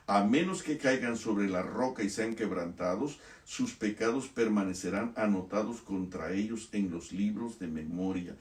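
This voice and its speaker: A middle-aged man preaching a sermon in a low, earnest voice. He repeats words to drive them home and reads passages aloud. His voice sounds echoey and set back from the microphone. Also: a little mellow. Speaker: pastor. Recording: echoey room, voice a bit far from mic.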